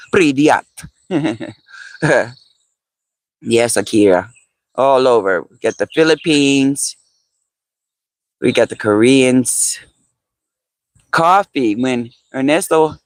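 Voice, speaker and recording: A man's voice: medium pitch, lively intonation, drawn-out words, pauses often, dry recording. A man hosting a casual livestream, chatting with viewers, answering their comments, repeating phrases and laughing often. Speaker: livestream host.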